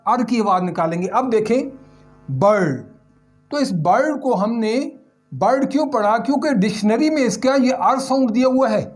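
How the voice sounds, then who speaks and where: Man teaching, quizzing and answering himself. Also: sits high. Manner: asks the class questions and answers them himself, repeating key sounds. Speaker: English teacher. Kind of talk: recorded classroom lesson.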